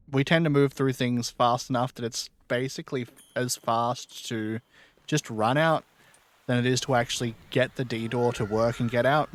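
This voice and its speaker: A man's voice: mid-range voice, no echo. A man giving casual, easygoing gameplay commentary as a streamer. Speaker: game streamer.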